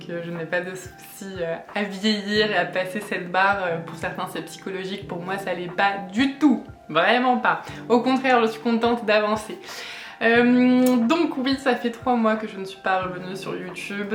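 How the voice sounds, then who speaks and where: Speaking at a medium pitch in an echoey room, this woman is a vlogger from France in her late twenties. She talks casually to the camera, hesitating often and leaning on fillers.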